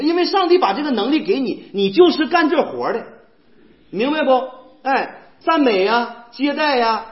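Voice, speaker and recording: Animated high-voiced preacher. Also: male voice. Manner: animated, asks the congregation rhetorical questions. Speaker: church preacher. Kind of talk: sermon. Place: church hall. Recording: echoey, dull church hall recording.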